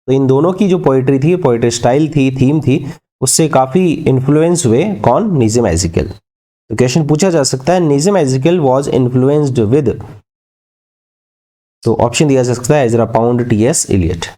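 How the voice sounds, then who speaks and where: A man teaches an exam-prep literature class in a mellow, dark voice at an ordinary pitch. He mixes Hindi with English, poses questions and answers them himself, and slows right down to dictate English lines. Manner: asks and answers his own questions.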